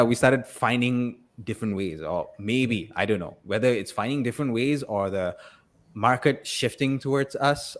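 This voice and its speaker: A man hosting a live podcast conversation, thoughtful and hesitant, with frequent fillers and soft laughs. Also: fairly low pitch. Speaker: podcast host. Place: room with guests.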